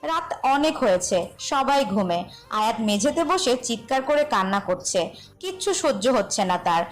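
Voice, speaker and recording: A woman narrating a romantic story in an expressive storytelling manner. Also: a little high, unhurried. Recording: soft background music bed. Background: background music.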